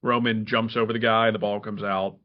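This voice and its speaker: Chatty man co-hosting a lo-fi podcast. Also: fairly low pitch. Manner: animated, quick restarts, acts out quotes. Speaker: podcast co-host. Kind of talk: casual sports chat. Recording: dull lo-fi podcast audio.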